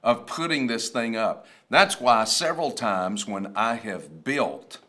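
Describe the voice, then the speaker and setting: A man's voice: on the low side, animated, slow, bright, forceful tone. A man in his sixties, a pastor, chatting about a sermon in a rambling storytelling way, often restarting. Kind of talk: casual chat about a sermon. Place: wood-paneled studio, seated at a table.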